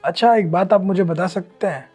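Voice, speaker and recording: A man's voice: high-pitched, normal speed, darkish tone, slightly rough, faint music behind. A man playing a customer who becomes a doctor, lecturing earnestly and with reproach in a short social-message skit.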